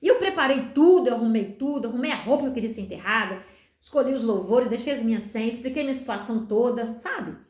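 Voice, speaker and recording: A woman's voice: fairly high pitch, animated, fast talker, a little mellow, echoey room. A middle-aged Brazilian woman pastor giving a candid personal testimony in a conversational way, often checking in with her listeners. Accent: Brazilian Portuguese. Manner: candid, conversational, keeps asking "sabe?".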